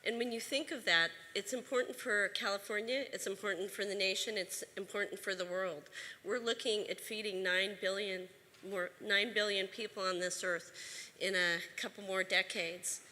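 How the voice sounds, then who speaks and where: Bright-voiced woman giving a policy speech. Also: medium pitch, steady tone, normal speed. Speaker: state agriculture official giving a talk. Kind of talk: prepared conference speech. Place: conference hall. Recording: reverberant hall sound.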